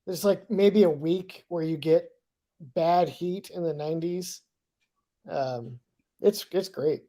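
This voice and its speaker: A man giving casual football analysis, thinking aloud with halting restarts. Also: a little high, mellow.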